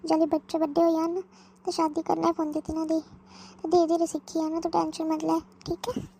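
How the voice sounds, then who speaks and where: Anxious older mother-in-law, voiced by a woman, fretful and rambling; high and mellow. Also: completely flat delivery, a little fast, gravelly, slight background noise. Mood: fretting. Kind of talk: cartoon voice acting.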